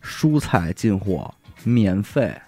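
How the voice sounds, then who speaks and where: A man's voice: on the low side, sing-song, slow pace, dark tone, soft background music. A man with a Beijing accent chatting casually as a co-host, in colloquial speech with easy swearing. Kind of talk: casual chat.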